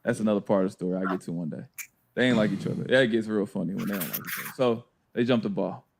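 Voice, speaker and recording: A man telling a basketball story in casual chat, laughing and acting out teammates in loud high voices. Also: quick pace, creaky, noisy background. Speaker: former pro basketball player telling a story. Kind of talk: animated storytelling.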